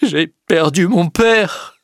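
A man's voice: sits high, very slow, dry recording, studio quality, pitched above the performer's own voice. A man reading aloud who voices a grieving young man crying out in anguish. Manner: sobbing, anguished cries. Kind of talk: audiobook reading.

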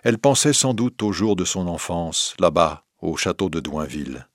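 A man narrating a classic novel aloud in a steady, measured reading. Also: low-pitched, no room sound, clean studio sound.

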